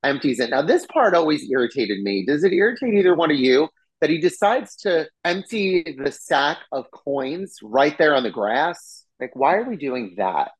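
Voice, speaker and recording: A man's voice: fairly high pitch, normal speed, slightly rough, low-quality recording. A man co-hosting a podcast, chatting casually and acting out scenes with lots of laughter. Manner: animated, acts out quotes, laughs often. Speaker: podcast co-host. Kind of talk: casual chat, recapping a TV episode.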